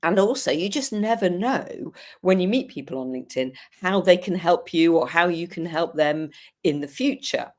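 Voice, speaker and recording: A woman's voice: on the low side, expressive, normal speed. An English woman hosting a live online chat show, bubbly and effusive with guests. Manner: bubbly, effusive, laughs often. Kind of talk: enthusiastic livestream chat.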